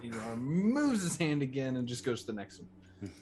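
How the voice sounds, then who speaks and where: A man's voice: mid-range voice, big pitch swings, moderate pace, noisy background. A man chatting casually and jokingly as a player in a tabletop role-playing game.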